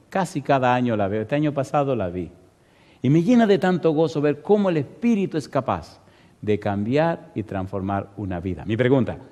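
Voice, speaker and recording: A man's voice: medium pitch, mellow, in a large hall. A male pastor preaching a sermon, telling a story with emphasis and firing rhetorical questions at the congregation.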